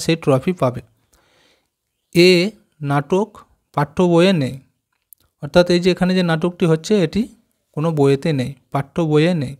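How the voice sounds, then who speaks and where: Male teacher, slightly high voice, slow patient syllable-by-syllable explaining for kids. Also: darkish tone. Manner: slow, syllable-by-syllable explaining with frequent check questions. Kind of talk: explaining a children's reading lesson.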